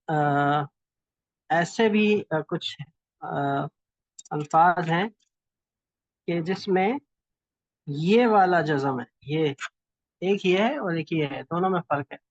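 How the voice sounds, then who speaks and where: Slow, patient male teacher, muffled audio. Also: high voice, lively intonation, no echo. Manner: slow, patient, halting with pauses and fillers. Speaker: calligraphy teacher. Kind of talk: classroom lesson explanation.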